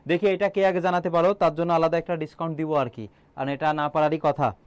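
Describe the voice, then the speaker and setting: A man's voice: a little high, fairly even intonation, fast talker, clean tone, no echo. A young man teaching an online exam-prep class, quizzing students and repeating key answers, with frequent filler sounds.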